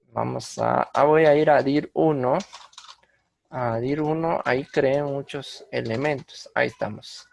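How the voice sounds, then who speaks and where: A man's voice: a little high, vocal fry. A man explaining computer commands step by step in a screen-recorded tutorial, with frequent fillers and restarts. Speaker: instructor.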